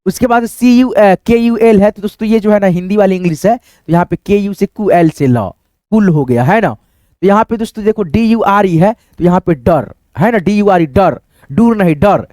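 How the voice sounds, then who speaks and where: A teacher leads a phonics lesson, repeating each word and often calling viewers friends. The voice is mid-range and dark-toned, at normal speed, with no room sound.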